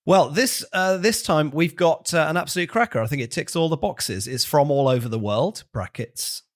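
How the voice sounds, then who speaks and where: A man's voice: a little high, normal speed. A man hosting a podcast in casual comedic chat, with a jokey, wry manner. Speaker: podcast host.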